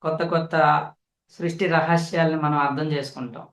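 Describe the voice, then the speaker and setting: Man, spiritual teacher, slightly high voice, repeats himself to drive points home, roomy echo. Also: fairly even intonation. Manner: explains slowly with repetition; addresses listeners directly. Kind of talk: spiritual discourse.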